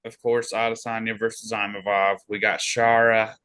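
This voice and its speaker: A man with a low but bright, forceful voice on a podcast. He talks in a matter-of-fact way, reeling off lineups and facts one after another. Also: level tone, normal speed, smooth. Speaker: podcast co-host. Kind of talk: casual chat about fights.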